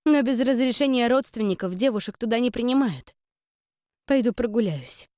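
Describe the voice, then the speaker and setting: A woman's voice: on the high side, lively intonation, moderate pace, dark tone, dry recording, studio quality, pitched above the performer's own voice, lightly acted. A woman reading an audiobook, voicing a gloomy young noblewoman in a plaintive, sulky tone. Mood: grumbling. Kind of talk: audiobook character voice.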